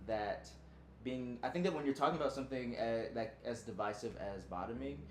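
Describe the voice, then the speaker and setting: A man chatting casually as a guest, pausing haltingly between phrases. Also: medium pitch. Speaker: actor guest on the show. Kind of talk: casual chat. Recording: roomy echo, music behind.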